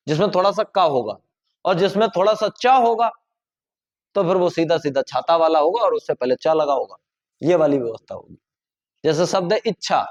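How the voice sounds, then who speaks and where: A man's voice: high voice, highs cut off. A man teaching a grammar class, explaining pronunciation patiently and repeating example words aloud to stress their sounds.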